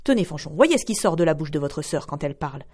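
A woman voicing a harsh, scheming mother who speaks in a sharp, commanding tone. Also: sits low, sing-song, fast, voice pushed down. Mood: demanding.

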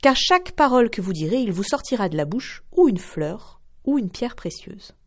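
A kindly fairy speaks in a gentle, solemn voice, as a woman reader puts her on. The voice sits high and lilts widely. She sounds calm and warm-hearted. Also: moderate pace.

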